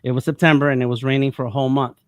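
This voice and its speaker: A man's voice: mid-range voice, flat delivery, racing, no echo, clean studio sound. A man in his fifties from the United States, talking casually on a panel, rambling with many restarts. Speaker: panel guest.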